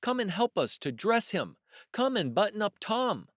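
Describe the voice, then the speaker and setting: A man's voice: high voice, sing-song, moderate pace, fairly bright tone, dry recording, clean studio sound, voice pushed up. A man voicing a bold, eager young girl kitten in a children's storybook, urging in a childlike way.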